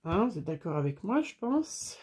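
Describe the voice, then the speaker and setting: A woman's voice: lowish voice, very animated, normal speed, a little mellow. A woman chatting casually to viewers while making a scrapbooking craft, with frequent fillers.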